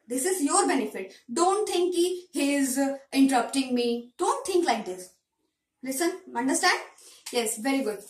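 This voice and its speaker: A woman teacher with an Indian English accent, giving a classroom lesson in Hindi and English, patient and checking that the students understand. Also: sits high. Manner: slow, patient, repeats points and checks for understanding. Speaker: school teacher. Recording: echoey room.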